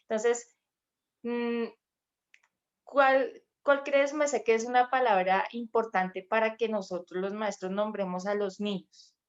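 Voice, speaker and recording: A woman's voice: on the high side, fairly even intonation, slow, highs cut off. A woman, a schoolteacher, hesitantly asking a question in an online workshop, with many fillers. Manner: hesitant, full of fillers like "digamos". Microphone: video call.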